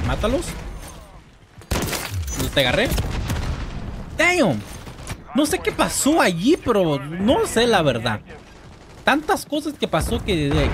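Excitable Mexican man over gunfire. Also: fairly high pitch, background noise. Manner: excitable, jokey, swears. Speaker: gamer. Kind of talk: gameplay commentary. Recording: gunfire from game audio. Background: loud game gunfire.

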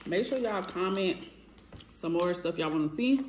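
A woman's voice: fairly low pitch, expressive, moderate pace, slight background noise. A young woman hosting a casual mukbang vlog at home, chatting and rambling to her viewers as y'all into her phone. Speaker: vlogger. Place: home, indoors. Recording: echoey room.

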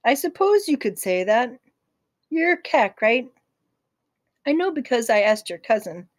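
A woman voicing a friendly, curious schoolgirl with a raised, bright tone in an audiobook. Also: on the high side, big pitch swings, measured pace, voice pushed up.

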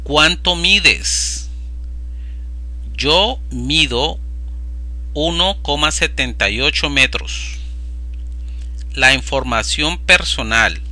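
On the high side and animated, with a sharp tone, a man's voice accompanies slides in a Spanish lesson. He slowly reads the practice vocabulary aloud phrase by phrase, taking care with pronunciation.

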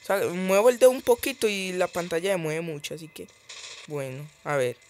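A man's voice: high voice, a little fast, slight background noise. A man giving casual gameplay commentary as he plays a mobile game, chatty and thinking aloud, easily startled.

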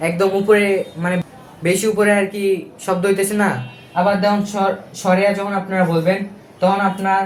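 A man's voice: high voice, roomy sound, slight background noise. A young man with a Bangladeshi accent, teaching an exam-prep lesson step by step, asking questions and correcting himself as he goes. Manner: explains step by step with rhetorical questions; colloquial, with fillers and self-corrections.

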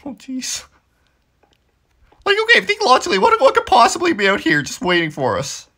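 A woman's voice: sits high, wildly swooping pitch, moderate pace, fairly bright tone, exaggerated voice. A woman voicing a jumpy, chatty cartoon devil boy in a Minecraft let's play role-play, easily startled. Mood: panicky.

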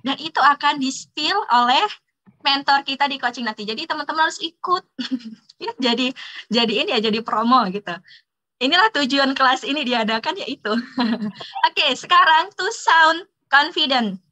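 A woman with a high voice teaches public speaking in a relaxed online class. Her voice is very bright and forceful, and her talk is chatty, with frequent laughs and tag words. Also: low-quality recording.

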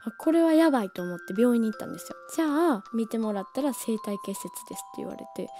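Lady voice coach, bit hoarse from a cold, highish but mellow, friendly and lively. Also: fast, faint music behind. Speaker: voice training teacher. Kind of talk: casual explanatory talk.

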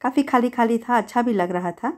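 A middle-aged woman gives a relaxed, chatty voice-over for her family's outing, linking each step with easy storytelling. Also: a little high, brisk. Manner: chatty, easygoing storytelling with many "to" linkers. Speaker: family vlogger.

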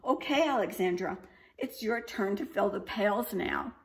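A woman voicing a pleading young male baby dragon, high, loud and whiny. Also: a little slow, lightly acted. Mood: eager.

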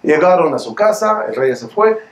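A rabbi preaches a lesson through a story. He keeps asking his listeners questions and answering them himself. His voice sits a little high, and the room has a strong echo. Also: brisk. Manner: animated, asks and repeats rhetorical questions. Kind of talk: storytelling sermon.

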